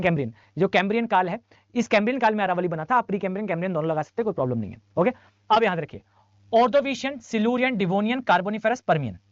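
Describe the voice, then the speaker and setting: A man's voice: high voice, no room sound. A male teacher giving an online class lecture, drilling lists by repetition and mixing English phrases into his talk. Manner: drills lists by rote, repeating for students; mixes English phrases into Hindi. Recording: dull dry lo-fi mic.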